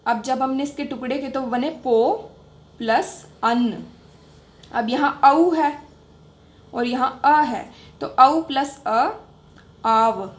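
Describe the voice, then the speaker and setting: Young woman tutor, high voice, unhurried delivery, patient and repetitive, quizzing the listener as she goes. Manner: patient, repeats sounds slowly and asks questions back. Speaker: teacher. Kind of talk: explaining grammar step by step.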